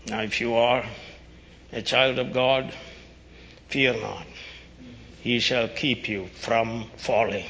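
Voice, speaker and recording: A male preacher delivers a doomsday fire-and-brimstone sermon in a forceful, hard-edged voice. He warns sternly and urgently, street-preacher style, in slow and weighty phrases. The sound rings through a long, reverberant hall. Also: medium pitch, steady tone, gravelly. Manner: emphatic, solemn, deliberate phrasing. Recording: dull, noisy recording in reverberant hall.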